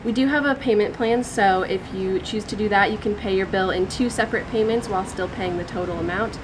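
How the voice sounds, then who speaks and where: A woman's voice: medium pitch, a little fast, noisy background. A young woman sitting outside on a deck, casually explaining costs to camera. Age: young adult. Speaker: sorority member explaining finances. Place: outdoor deck.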